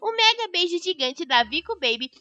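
Bubbly high-voiced woman host. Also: big pitch swings, moderate pace, pushed and bright, no echo, dull audio. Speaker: channel host. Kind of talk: cheerful video outro.

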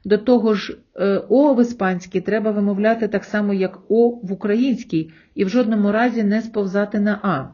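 A woman teaching a language lesson online, explaining patiently step by step and slowing down to sound out example words. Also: mid-range voice, steady tone, mellow, lo-fi sound.

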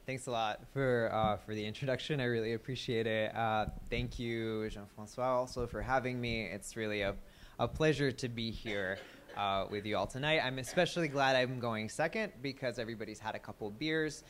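A man's voice: mid-range voice, normal speed, a bit bright, slight background noise. A man in his thirties with an American accent, raised in Italy, giving a conference talk in a self-deprecating way with many fillers and restarts. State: a little nervous. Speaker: conference speaker. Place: conference stage.

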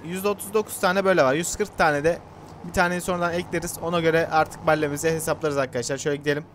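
A man's voice: a little high, fairly even intonation, quick pace, a bit bright, a little hiss or hum. A young man chatting casually to his viewers while playing a farming game, joking at his own expense. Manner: chatty, self-mocking, talks to viewers. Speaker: gaming YouTuber. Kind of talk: casual gameplay commentary.

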